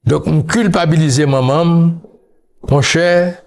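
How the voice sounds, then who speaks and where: A man from Haiti talks slowly as an interview guest, reflecting at length and switching between Creole and French. His voice sits a little higher than most men's. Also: fairly even intonation, creaky, darkish tone. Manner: slow, musing, mixes Creole and French.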